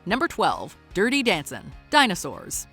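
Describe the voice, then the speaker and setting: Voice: mid-range voice, wildly swooping pitch, a little slow, sharp tone, slightly rough, soft background music. A narrator reading a scripted countdown voice-over with wry commentary.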